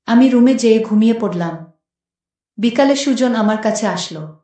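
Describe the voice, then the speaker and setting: A woman's voice: on the high side, normal speed, mellow, recorded from a distance. A woman narrating a first-person story in a plain, conversational way. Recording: very echoey room.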